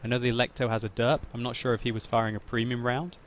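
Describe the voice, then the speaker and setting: A man narrating his own tank battle gameplay as a voice-over commentary, laughing often and getting loud and excited at big moments. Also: medium pitch, fast, a little hiss or hum. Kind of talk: video game commentary voice-over.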